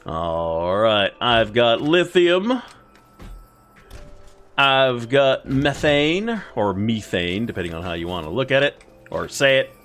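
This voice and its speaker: Lively man narrating his gameplay. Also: medium pitch, slow pace, long pauses, clear, resonant tone, faint music behind. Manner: chatty, talks to himself while playing. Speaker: gaming video host. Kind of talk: casual let's-play commentary.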